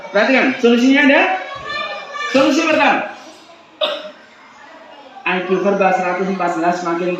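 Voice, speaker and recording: Animated man lecturing in an echoey hall. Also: sits high. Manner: joking, animated, asks the audience questions. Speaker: seminar speaker. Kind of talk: parenting seminar talk. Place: seminar hall. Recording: echoey hall, dull lo-fi sound, clear room noise.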